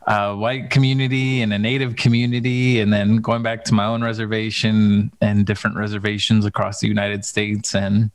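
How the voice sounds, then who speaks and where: A man from Phoenix with a lowish voice talks casually about growing up, dry and understated in his humor. He is recorded close, with no room sound. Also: no room sound. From Phoenix, Arizona. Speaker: guest, assistant professor. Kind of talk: casual interview. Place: home study.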